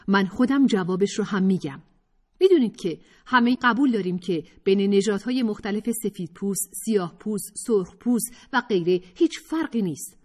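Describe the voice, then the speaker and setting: Woman doing a pushy earnest girl lecturing everyone, husky voice, echoey room. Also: mid-range voice, pitched above the performer's own voice. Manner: pressing, lecturing, impatient. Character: earnest, insistent young woman arguing a point. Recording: reverberant room.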